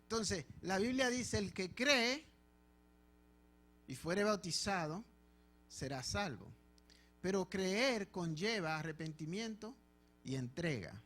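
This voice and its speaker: Emphatic Dominican pastor preaching. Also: male voice, sits high, expressive, slow pace, long pauses, a bit bright. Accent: Dominican Spanish. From Dominican Republic. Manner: emphatic preaching with repeated phrases. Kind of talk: sermon. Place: church.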